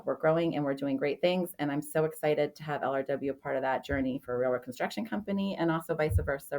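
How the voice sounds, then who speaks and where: A middle-aged woman giving a steady, orderly self-introduction as a podcast guest. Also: rumbling low. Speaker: podcast guest, association president.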